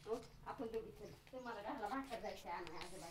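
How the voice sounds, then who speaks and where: A woman chatting with a small child at home, urging her on with short, lively words. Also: mid-range voice, fast, a loud crowd. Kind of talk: casual chat with a small child.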